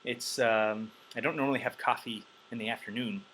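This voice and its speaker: A man's voice: mid-range voice, steady tone, brisk, fairly bright tone, slight background noise, low-quality recording. A man teaching drums in a loose, chatty way, counting beats aloud with plenty of ums, wired on caffeine. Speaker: drum teacher. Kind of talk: casual instructional talk.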